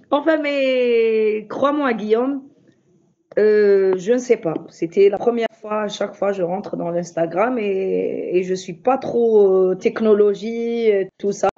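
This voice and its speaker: A woman's voice: medium pitch, warm tone, dull audio. A non-native French-speaking woman with a foreign accent, talking casually and from the heart, searching for her words. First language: not French. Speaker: member of an online group. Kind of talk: casual heartfelt group talk.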